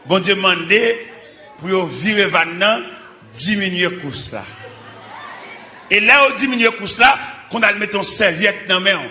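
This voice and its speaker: Haitian preacher guy yelling his sermon in short bursts, high voice, slow and drawn out. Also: animated. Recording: echoey church with congregation and noise.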